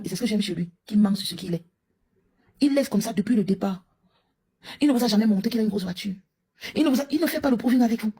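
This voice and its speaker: A woman's voice: medium pitch, dark tone, husky. A woman from Cameroon, a mother and live streamer, scolding a rival in a heated, confrontational rant. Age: young adult to middle-aged, a mother.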